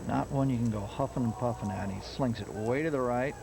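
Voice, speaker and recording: A man's voice: medium pitch, brisk, gravelly. A man working as a golf commentator, calling live tournament play over outdoor noise. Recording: noisy outdoor broadcast.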